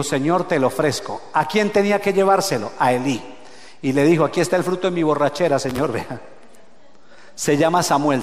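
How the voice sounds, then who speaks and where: A man preaches in a church, his voice sitting high for a man. It rings through a roomy hall with long reverb. He jumps from shouted peaks down to low, hushed asides and keeps asking the congregation to repeat after him. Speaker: pastor. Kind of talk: sermon. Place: church sanctuary.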